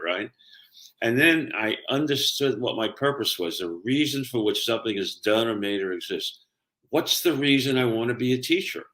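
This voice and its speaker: Older Brooklyn man with a low voice. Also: fairly bright tone. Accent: New York, Brooklyn. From Brooklyn, New York. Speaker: career coach, guest. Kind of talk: conversational explaining and personal storytelling.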